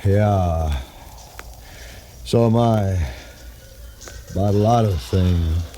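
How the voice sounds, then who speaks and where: An actor playing a dying, regretful lieutenant in a 1950s radio drama, speaking slowly and haltingly with old broadcast sound. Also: male voice, sits low, dark tone, slight background noise. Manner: slow, halting, breathy farewell. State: dying, weak. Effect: old radio show broadcast sound.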